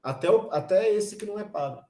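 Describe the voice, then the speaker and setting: A man with a Brazilian Portuguese accent teaching a lively online grammar class, talking straight to his students with teasing asides. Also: sits high, brisk, echoey room.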